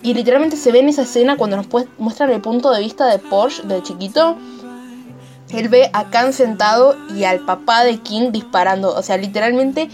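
A woman with an Argentine accent excitedly retelling and commenting on a series episode, acting out lines and gunshot sounds. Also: a little high. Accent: Argentine Spanish. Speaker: series reviewer. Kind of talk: casual recap and commentary.

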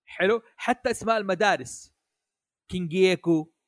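Man, casual podcast guest, slightly high voice, very dry close sound, halting delivery. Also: lively intonation, dry recording. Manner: hesitant, many restarts, asks "حلو؟" often. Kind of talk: casual chat about an anime.

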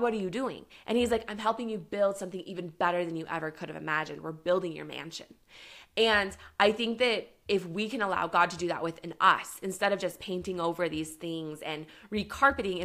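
A woman's voice: fairly low pitch, fairly bright tone. A woman coaching people on business and faith in an earnest, encouraging talk, peppered with "like" and little acted-out quotes. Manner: earnest, encouraging, filler-heavy with frequent "like"; acts out little quoted voices for herself and God. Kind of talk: faith-based motivational talk.

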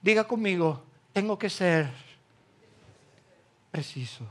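Argentine pastor guy preaching, really high voice, gets loud then goes quiet. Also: expressive, slow. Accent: Argentine Spanish. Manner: impassioned preaching, swings from loud to hushed. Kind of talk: sermon.

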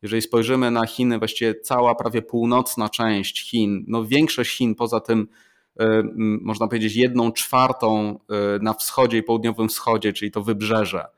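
A man's voice: fairly low pitch, little pitch movement. Polish man explaining as a professor. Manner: measured, explaining with examples, frequent fillers and restarts. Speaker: professor of Chinese, interview guest. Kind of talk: explanatory interview talk.

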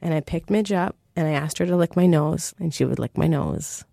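A woman's voice: deep voice, a little fast, vocal fry, warm tone, dry recording, studio quality. A woman telling a personal story to an audience in an earnest, vivid way.

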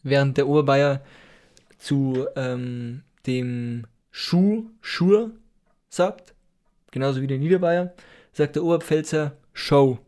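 A man's voice: mid-range voice, fairly even intonation, measured pace, dark tone. A man casually explaining things on a podcast, hesitant with many fillers and a teasing edge. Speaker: podcast co-host explaining dialects.

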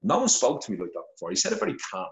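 A man's voice: mid-range voice, huge pitch swings, very fast. Blunt, sweary Irish man, echoey room. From Ireland. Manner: blunt, heavy swearing, earnest. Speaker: podcast guest. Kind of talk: candid conversational storytelling. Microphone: phone held to face.

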